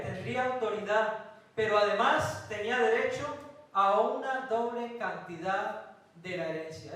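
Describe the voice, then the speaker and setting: A man from Colombia, a pastor, preaching a sermon with emphatic pauses and rhetorical questions. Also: high-pitched, a bit bright. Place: church hall. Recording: very echoey hall from a distance.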